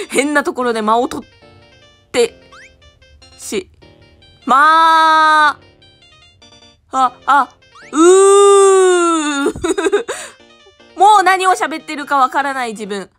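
A young woman streaming a game in a high, bright voice that leaps all over the place. She chats casually, then bursts into sudden shouts and laughter. Faint music plays behind her. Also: sing-song, very slow, pauses often. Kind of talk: casual gameplay commentary.

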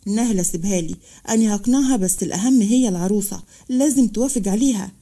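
A man's voice: sits high, fast, mellow. A woman voicing a commanding older wealthy man, with an Egyptian accent, in a narrated story. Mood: stern. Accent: Egyptian Arabic. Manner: firm and commanding.

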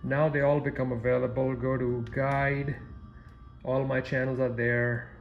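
A man in a hotel room giving a halting, step-by-step demonstration, with lots of ums and uhs, while filming a screen. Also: medium pitch, flat delivery, vocal fry, dull audio, soft background music. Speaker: product demonstrator. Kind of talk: casual off-the-cuff demo narration. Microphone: phone camera filming a TV screen, voice off camera.

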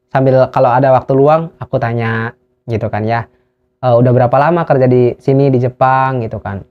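A young man from Indonesia giving casual advice for work trainees, repeating each phrase again and again. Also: mid-range voice. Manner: repetitive, drills phrases again and again. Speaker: YouTuber giving tips for work trainees in Japan. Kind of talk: casual instructional vlog. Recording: dull lo-fi recording.

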